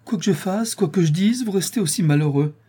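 Guy voicing a cheerful honest young girl in an audiobook, soft husky voice, pleading. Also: a little high, normal speed. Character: young woman, cheerful, frank and loving. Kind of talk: audiobook character reading.

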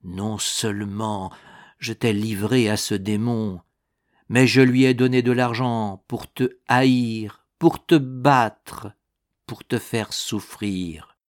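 An anguished old woman consumed by guilt, voiced by a male reader, who drags out her words slowly. She is a character from a storybook. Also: on the low side, fairly even intonation. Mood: confessing. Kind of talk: storybook reading.

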